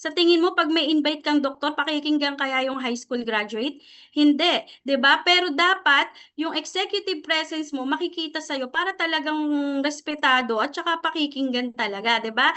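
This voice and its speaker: Filipino lady trainer, high bright voice, taglish, keeps tagging questions at the crowd. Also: normal speed. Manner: checks in with listeners constantly, tag questions after nearly every phrase; Taglish, switching freely between Tagalog and English. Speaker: trainer teaching presentation skills. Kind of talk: seminar lecture to a sales team.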